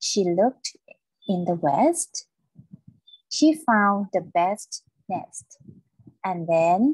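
A middle-aged woman with a Thai accent teaching her child English, reading lines slowly and clearly for repetition. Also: mid-range voice, no room sound. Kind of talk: casual online reading lesson.

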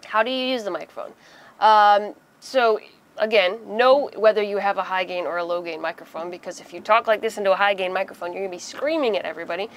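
A woman in her thirties with a mid-range voice talks fast, hosting a sailing how-to video. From inside a small boat cabin, she gives a casual, conversational explanation built around everyday examples.

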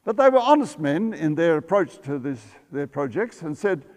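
An old man in his eighties sits at a table in a church sanctuary and lectures as a pastor, recalling events in a steady, measured way. His voice sits a little high for a man. The room adds a long, lingering reverb. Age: 80s. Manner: measured storytelling, some self-corrections. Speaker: pastor giving a history lecture.

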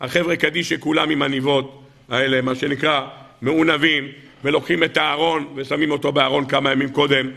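Gravelly, bright-voiced rabbi preaching. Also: male voice, on the high side, flat delivery. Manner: dramatic storytelling preacher, rises to loud exclamations. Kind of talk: weekly Torah sermon.

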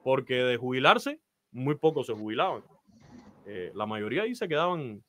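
This Cuban man in his thirties has a medium-pitched, fairly bright voice that swings widely in pitch at a normal speed, with a little hiss or hum in the audio. A baseball announcer with a Cuban Spanish accent, he earnestly shares his career story and advice as an interview guest on a video call in a small indoor room, peppering it with "eh."

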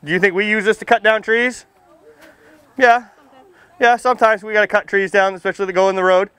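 With fairly even intonation and a slightly fast pace, an American firefighter's high voice comes across bright, forceful and smooth, with no room sound. He's outdoors under a tent beside a fire truck, casually demonstrating for young children in a folksy, projecting manner with simple questions.

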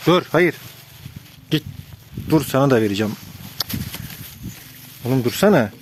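A man's voice: medium pitch, expressive, measured pace. A man vlogging while feeding dogs outdoors, giving firm commands to the dogs and casual asides to his viewers. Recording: noisy outdoor recording.

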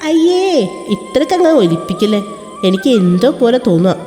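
A woman voicing a young wife in a romantic audio story, bashful but quick to scold, pitched higher than her narration. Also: sing-song, warm tone, natural voice. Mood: shy. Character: shy, sharp-tongued young wife. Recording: echoey reverb with faint music.

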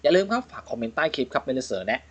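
A man's voice: mid-range voice, sing-song, racing, husky. A man hosting a comedy channel, reacting to funny clips in crude, joking banter and laughing often. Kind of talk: casual comedic commentary.

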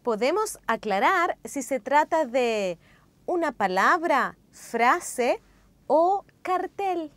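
A woman narrates a scripted language lesson in a slow, careful, explanatory manner. Her voice sits a little high and moves through a lively melody. The recording is dry and close, with no room sound. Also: dry recording.

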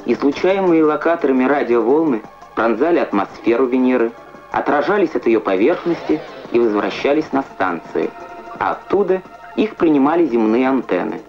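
A man reading scripted educational science newsreel narration in a measured, declamatory way with precise diction. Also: medium pitch, expressive, faint music behind. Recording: muffled vintage Soviet film soundtrack.

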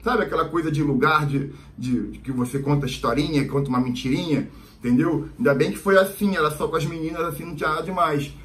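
Um homem com sotaque carioca contando uma história num vlog, falando solto, cheio de gírias e muletas. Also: male voice, fairly high pitch, fast, a bit bright. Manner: rambling, slangy, lots of fillers. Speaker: vlogger. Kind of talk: casual storytelling vlog.

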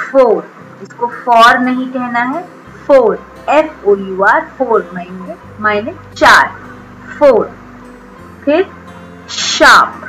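A woman with an Indian accent teaching young children an English lesson, explaining each sentence and slowly drilling the pronunciation of words. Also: on the high side, sharp tone, rough recording. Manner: slow, careful word-by-word pronunciation drills.

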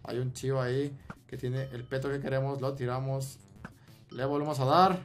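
A young man with a Mexican accent giving excitable gameplay commentary, swearing and repeating words in rapid bursts. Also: medium pitch, soft background music. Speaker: Minecraft gameplay YouTuber.

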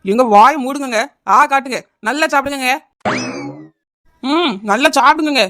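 An eager young village wife in a cartoon comedy, voiced by a woman, speaking with a Kanyakumari Tamil accent. Her voice sits high, and she coaxes, insists and wails. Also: normal speed, bright, forceful tone, faint music behind. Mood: coaxing. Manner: pleading, insistent and wailing. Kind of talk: animated cartoon comedy dialogue.

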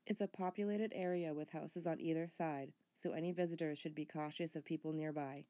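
A woman speaking in a nervous, hushed whisper in a night exploration vlog. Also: deep voice, steady tone, fairly quick. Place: outdoors at night by railway tracks.

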